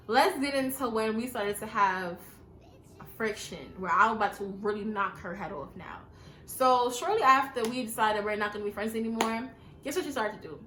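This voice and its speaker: Bright-voiced young New woman. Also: on the high side, reverberant, slight background noise. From New York. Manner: animated, slangy, profane, addresses viewers as y'all. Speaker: vlogger. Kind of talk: casual storytime.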